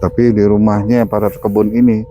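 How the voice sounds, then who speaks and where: A man's voice: fairly low pitch, flat delivery, a little fast, mellow, faint music behind. A man, a spiritual healer, explaining on an outdoor ghost-hunting walk and commanding spirits sternly. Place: outdoors in a garden.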